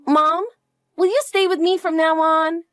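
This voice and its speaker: A woman voicing an anxious, clingy elementary-school girl in an audio drama, asking high, pleading questions. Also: fairly even intonation, measured pace, no room sound. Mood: eager.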